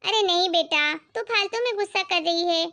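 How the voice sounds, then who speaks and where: A woman voicing a patient, doting older mother-in-law in an animated family skit, speaking in a soothing way. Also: very high-pitched, moderate pace. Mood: gentle. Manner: soothing, calming her angry daughter.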